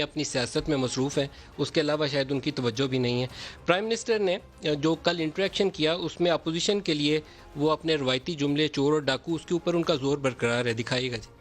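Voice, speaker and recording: A man hosting a political talk show, delivering emphatic, declamatory commentary from a TV studio. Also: a little high.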